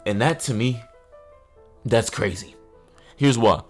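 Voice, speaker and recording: A man's voice: mid-range voice, slow, faint music behind. A man doing comedic commentary, talking casually and in slang straight to his viewers. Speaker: commentary YouTuber.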